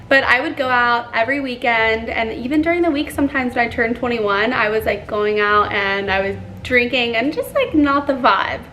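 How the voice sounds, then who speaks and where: Chatty young woman with a brighter voice. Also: a little high, a little hiss or hum. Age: 20s. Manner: chatty, filler-heavy with frequent "like"; earnest, apologetic. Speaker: YouTuber. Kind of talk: casual confessional vlog.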